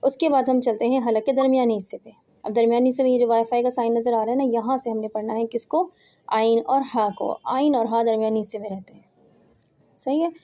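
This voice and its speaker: A woman who teaches Quran pronunciation demonstrates throat sounds patiently and methodically during an informal home lesson. Her voice sits a little high, mellow and steady, and the recording was made on a phone at home.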